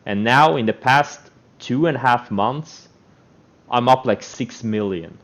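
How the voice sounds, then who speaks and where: A man's voice: mid-range voice, slow pace. A man giving an unscripted motivational trading rant, speaking in a blunt, emphatic and repetitive way. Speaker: stock trader giving trading advice. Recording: dull, lo-fi microphone sound.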